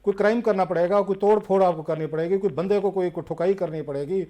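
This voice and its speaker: A man's voice: high-pitched, warm tone. A man hosting a talk show, pressing his guest with rhetorical questions. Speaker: host.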